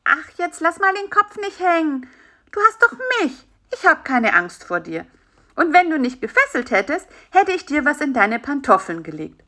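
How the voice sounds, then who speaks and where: A woman voicing a cheeky, nosy and bossy male fly in a children's story, talking in an excited, scolding way. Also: high-pitched, moderate pace, pitched above the performer's own voice, heavily acted. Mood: eager.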